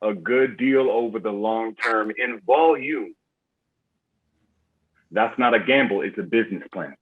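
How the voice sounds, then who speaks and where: In a screenplay table read, a man plays a menacing, cocky drug-dealer boss, smug, taunting and foul-mouthed. His voice is fairly low and husky at a measured pace, heard over a muffled, phone-like line with music behind.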